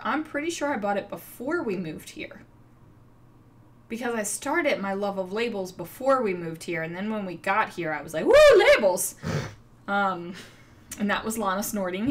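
A middle-aged woman hosting a casual scrapbooking video, chatting in a rambling, self-amused way with many fillers. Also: medium pitch. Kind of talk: casual crafting chat. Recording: far from the mic, faint noise.

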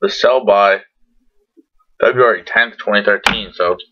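Young man, fairly low pitch, casual profane reviewer, lip full of dip, lo-fi webcam sound. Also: a little slow, a little hiss or hum. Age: young adult. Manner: laid-back, profane, rambling. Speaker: tobacco product reviewer. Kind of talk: casual chat to camera, product review. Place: small bedroom, indoors. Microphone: computer webcam at arm's length. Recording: dull lo-fi webcam audio.

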